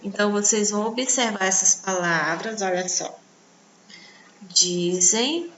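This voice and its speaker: A Brazilian Portuguese woman teaching children in a recorded online lesson, slow and patient, pointing things out on the page. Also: medium pitch, fairly bright tone, dull audio, slight background noise. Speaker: primary school teacher.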